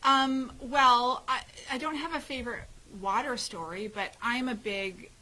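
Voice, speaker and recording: Bright, bubbly woman hosting a chat. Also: fairly high pitch, unhurried, poor audio. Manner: bubbly, teasing. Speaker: host. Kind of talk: casual chat.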